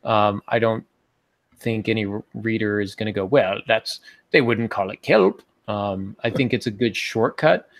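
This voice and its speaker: This middle-aged man, voice lowish and pace measured, hosts a relaxed panel discussion about writing. He's on a video call from a small home office with an earbud headset, and the audio has no echo.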